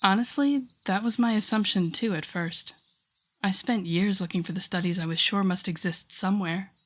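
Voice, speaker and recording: In an intimate second-person audio roleplay, a woman plays a wry, teasing telepath villain who mentors a rookie hero. Her mid-range voice sounds close to everyday speech, at a normal speed, with a musing, conversational mood.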